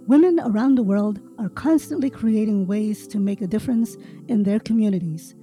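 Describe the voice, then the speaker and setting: A woman hosting an interview podcast, reading a scripted guest introduction and then asking questions in a soft, encouraging way. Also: mid-range voice, moderate pace, faint music behind. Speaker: podcast host.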